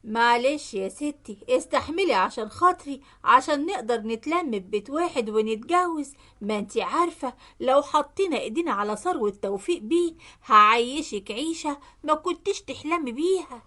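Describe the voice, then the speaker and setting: A woman voicing a sly, scheming young male driver, calm and persuasive with an Egyptian Arabic accent. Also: sits high, brisk, heavily acted.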